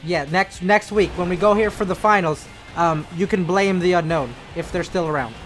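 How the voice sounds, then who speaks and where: High-voiced young male game commentator, rowdy and crude, faint music behind. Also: moderate pace, a bit bright. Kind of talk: joking play-by-play commentary.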